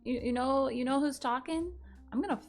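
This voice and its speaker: A young woman chats to her stream chat in a slightly high voice, rambling from one thought to the next and swearing freely. Quick laughs break up her talk, and faint music plays behind her.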